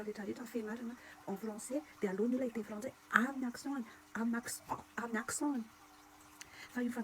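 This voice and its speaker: Fast-talking woman with a Malagasy accent. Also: a little high, slight background noise, low-quality recording. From Madagascar. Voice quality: rapid, repetitive, animated talk with whispered asides. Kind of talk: casual TikTok commentary.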